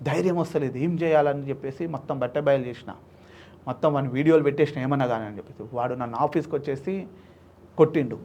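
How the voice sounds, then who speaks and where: A man, telling an emotional story in an interview, animated and acting out the voices of people he quotes. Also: medium pitch, fast talker, lo-fi sound, slight background noise. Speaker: social activist guest.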